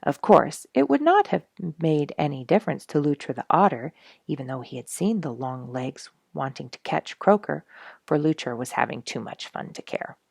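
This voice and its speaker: Here a storybook host and reader, a woman whose low voice carries slight gravel, reads a children's story at a moderate pace. Her delivery is highly varied in pitch and expressive, with playful words given extra weight. The audio is dry and close, with no room sound.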